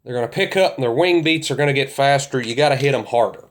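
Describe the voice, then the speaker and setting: A man's voice: medium pitch, fast talker. Man teaching, plain-spoken and folksy. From central Kentucky, United States. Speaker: duck hunter teaching calling techniques. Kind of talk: informal instructional talk.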